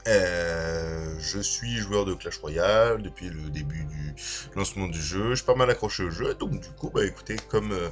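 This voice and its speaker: A man's voice: low-pitched, moderate pace. A man with a slight slushy lisp on his s, giving casual, informal and somewhat hesitant gameplay commentary as a video creator. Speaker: gaming video creator and streamer. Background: music.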